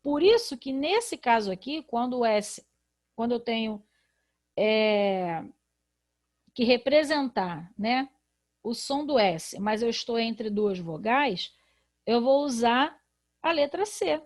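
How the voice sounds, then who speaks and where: A woman's voice: a little high, animated, slow. A woman with a Brazilian Portuguese accent, a literacy teacher in a recorded video lesson who explains patiently and asks rhetorical questions.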